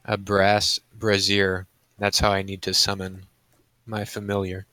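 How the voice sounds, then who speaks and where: Low flat-voiced man roleplaying. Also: unhurried, dry recording. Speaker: player. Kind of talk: in-character tabletop roleplay.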